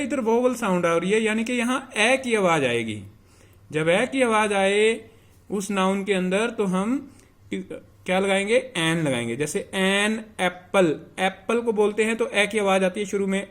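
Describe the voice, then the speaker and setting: A man teaching English grammar as a lesson, mixing English phrases into his explanation and repeating example words deliberately. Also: sits high.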